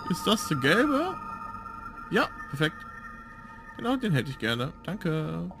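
Lively man commenting over a game. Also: fairly high pitch, takes it slowly, creaky, over music. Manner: musing aloud to himself. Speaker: let's player. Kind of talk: casual gameplay commentary. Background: game sound.

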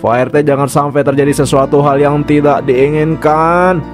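A man voicing a calm, devout village cleric in a cartoon who takes charge. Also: on the high side, normal speed, loud music behind the voice, close to an everyday voice. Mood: concerned. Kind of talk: cartoon voice acting.

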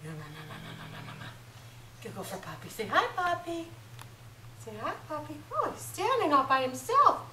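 In a home bedroom, an older woman plays with her baby grandchild, cooing and chanting in sing-song baby talk. Her voice is high, bright and pushed, moving a little fast with a sing-song lilt. Someone else holds the handheld home camera, and there's slight background noise.

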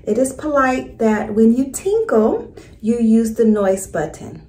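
A middle-aged travel and food vlogger films herself on a phone held at arm's length inside a small public restroom, chatting bubbly and upbeat to her viewers. Her voice is on the high side, warm, sing-song and unhurried.

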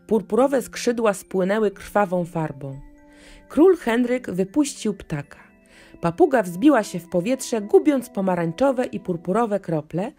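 A woman narrating a children's bedtime story in a gentle, expressive storytelling manner. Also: medium pitch. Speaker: audiobook narrator. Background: faint music.

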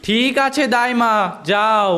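An actor playing a kind young village brother who speaks gently and earnestly in an amateur village drama. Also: male voice, very high voice, fairly even intonation, slow pace, over music. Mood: caring.

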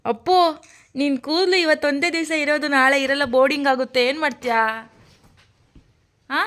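A woman's voice: sits high, steady tone, normal speed, a bit bright. A young mother and vlogger chatting playfully with her toddler son at home, coaxing and teasing him with repeated sing-song questions.

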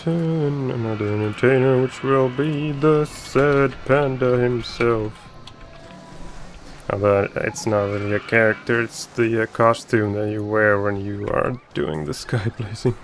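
A man's voice: medium pitch, measured pace. A man giving casual commentary while playing a building game, muttering to himself as he works. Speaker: let's play gamer. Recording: game music behind the voice.

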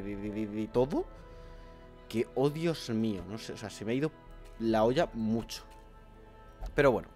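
Hoarse gamer rambling over music. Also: male voice, medium pitch, darkish tone. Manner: rambling, swears freely, talks to viewers. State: sore strained throat. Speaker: gameplay YouTuber. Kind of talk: casual gameplay commentary. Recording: faint music behind.

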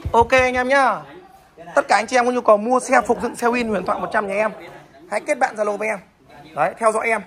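A man from the north of the country, showing off a motorbike for sale in a casual vlog, with fast salesman patter and short repeated tags. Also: extremely high pitch, fairly even intonation, fairly bright tone. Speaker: motorbike dealer vlogger.

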